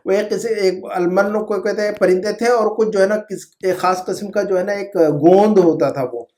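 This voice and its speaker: A man with a fairly high but dark, mellow voice, teaching Arabic vocabulary in a live lesson. He speaks patiently and drills each word with his students. He corrects mistakes gently and keeps the lesson moving. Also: fairly even intonation. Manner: often says "jo hai na". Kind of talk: live online language lesson.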